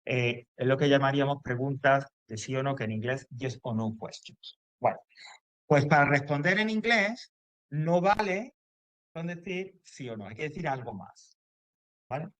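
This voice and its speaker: A man's voice: medium pitch, animated, normal speed, a bit bright, no room sound. A man teaching English grammar to a class, explaining step by step and checking in often.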